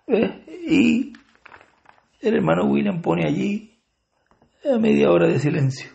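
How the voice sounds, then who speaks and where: A man with a Puerto Rican accent delivers a Bible-study sermon in a heavily gravelly, mellow voice, pitched a little high. He reads passages aloud and explains them with searching pauses. The recording is dull and lo-fi. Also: lively intonation. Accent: Puerto Rican Spanish. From Puerto Rico. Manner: reads scripture aloud, then explains it with many filler pauses. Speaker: preacher.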